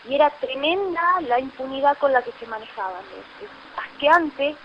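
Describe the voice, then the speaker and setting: A woman's voice: high voice, expressive, normal speed, lo-fi sound, slight background noise. A woman from La Rioja, Argentina, with an Argentine accent, recounting events urgently as an activist in a radio interview. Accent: Argentine Spanish. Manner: urgent, indignant testimony with many fillers. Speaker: community activist.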